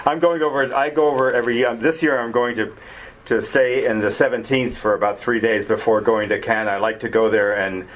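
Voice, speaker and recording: A man's voice: medium pitch, steady tone, a little fast. A man hosting a casual radio interview, asking questions with polite, formal phrasing.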